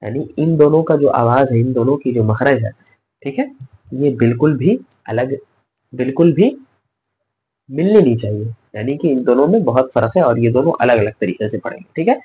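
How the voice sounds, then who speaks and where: A man's voice: medium pitch, expressive, normal speed, warm tone, slightly rough, poor audio. A man teaching letter pronunciation in a patient classroom style, repeating each sound and asking the learner to say it back. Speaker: Quran recitation teacher.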